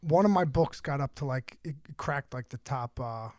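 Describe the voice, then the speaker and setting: A male podcast co-host chats casually and tells anecdotes, his talk slangy and full of swearing. His mid-range voice has a darkish tone at normal speed, recorded at studio quality with no room sound.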